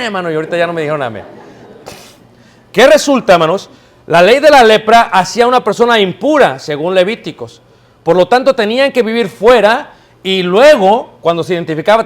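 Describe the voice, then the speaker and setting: A man preaching to a live congregation in a church, his pitched notably high. He tells stories with energy and keeps tossing questions out to the listeners so they answer back. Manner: lively storytelling, calls out questions to the congregation. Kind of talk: sermon.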